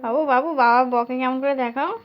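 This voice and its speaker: High, sweet-voiced woman, coaxing a toddler, repeating questions, dull lo-fi phone sound. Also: fairly even intonation, moderate pace. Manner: sweet repetitive questioning, baby talk. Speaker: mother filming her child.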